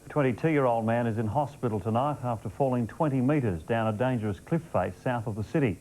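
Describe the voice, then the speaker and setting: A man's voice: medium pitch, brisk, a little mellow, a little hiss or hum, poor audio. A man with an Australian accent reading scripted news as a presenter.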